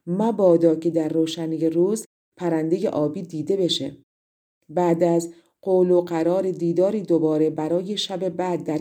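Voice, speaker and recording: Brief: female audiobook reader for fairy tales, mellow tone, calm and measured. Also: on the low side. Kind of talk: storybook narration.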